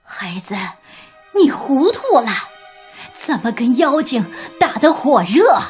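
A woman voicing a grief-stricken old grandfather who speaks in a hushed, broken way. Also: sits high, sing-song, takes it slowly, soft background music, full character voice. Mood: grieving.

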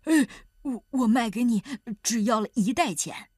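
A greedy old landlord with a short temper bellows and grunts through a children's tale, as a woman storyteller puts him on. His voice sits fairly high and sounds husky and worn, recorded close and dry with faint music underneath. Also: lively intonation, slow, a bit bright, dry recording, distant mic, exaggerated voice. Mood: dismayed. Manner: grunts "uh" before lines, blustering. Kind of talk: storybook character voice.

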